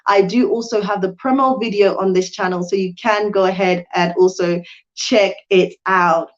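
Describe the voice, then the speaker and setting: UK-raised woman, livestream host, middle pitch, chatty and hesitant, slightly muffled audio. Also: fairly even intonation, moderate pace. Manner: chatty, with frequent ums and restarts. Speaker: channel host and hotel owner. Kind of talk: live stream Q&A talk.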